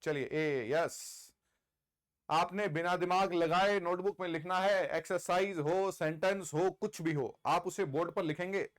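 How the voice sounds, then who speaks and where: An Indian man teaches English grammar to a live online class. He keeps asking students for answers and praises them as they reply. His voice is smooth and resonant and sits fairly high. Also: measured pace.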